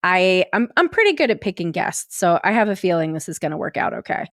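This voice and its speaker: A woman hosting an interview podcast, encouraging and quick to laugh as she welcomes her guest. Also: lowish voice, sing-song, no echo, clean studio sound. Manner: warm, laughs often, encouraging. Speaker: podcast host.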